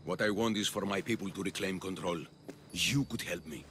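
A male actor plays a scheming, grandiose populist politician of ancient Athens in video game dialogue, using a gravelly, oratorical delivery. His deep voice moves fairly quickly with a slightly bright tone and an insinuating mood. There is slight background noise.

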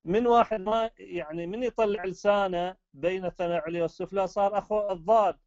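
A man's voice: high-pitched, fairly even intonation, fast talker, darkish tone, no room sound, dull audio. A man with an Iraqi Arabic accent lecturing on the rules of recitation, explaining step by step and answering his own rhetorical questions.

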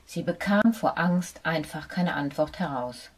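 A woman reading a children's story aloud as narrator, in a calm and even manner. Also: low voice, measured pace.

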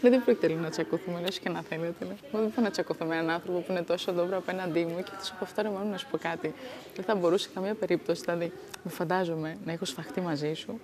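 A woman's voice: on the low side, fairly even intonation, crowd noise. A woman on a reality show telling emphatically what she said to others. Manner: emphatic storytelling, quotes herself. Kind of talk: casual chat.

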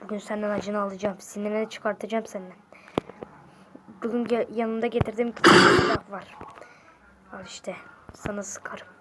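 A man voicing a cold, vengeful killer who speaks in a low, breathy whisper, slow and threatening. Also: little pitch movement, very noisy. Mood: menacing whisper.

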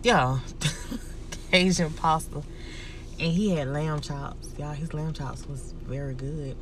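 A woman's voice: low-pitched, slow, noisy background. Chatty woman in a car. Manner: relaxed, chatty, Southern US slang like y'all and finna. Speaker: vlogger. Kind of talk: casual vlog chat. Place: inside a car.

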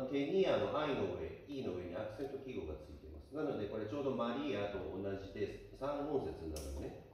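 A man's voice: medium pitch, darkish tone, a little hiss or hum. A man teaching a class, explaining patiently and often rephrasing himself with fillers. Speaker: Spanish teacher. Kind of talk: classroom lecture. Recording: very echoey room, mic far off.

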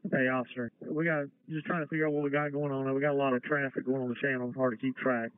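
Man on a crisp police-style radio. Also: mid-range voice, flat delivery, dry recording. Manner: brisk, procedural call-and-response. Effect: two-way radio transmission. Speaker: fire battalion officer. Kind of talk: terse fire radio traffic. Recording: tinny two-way radio.

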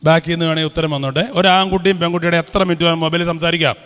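The echoing hall carries the very fast, fairly bright, high-pitched voice of a Kerala man in his 50s whose intonation stays fairly even. Giving a spirited religious talk to schoolchildren in a big hall, he quizzes them again and again with the same questions.

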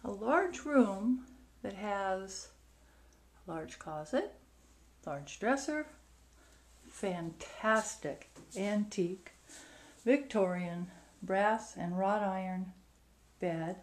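A woman hosting a rental house tour speaks in a mid-range, slightly mellow voice that's expressive, with drawn-out words and long pauses. She describes each room in short phrases as she walks around indoors. The handheld camera's built-in mic produced a noisy recording.

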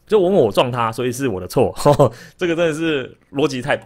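A man's voice: medium pitch, a little fast. A man with a Taiwanese Mandarin accent chatting on a game livestream, telling stories with lots of stammered repeats and joking with his chat. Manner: animated storytelling with frequent stammered repeats; jokes with the chat. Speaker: game streamer. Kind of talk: casual livestream chat while gaming.

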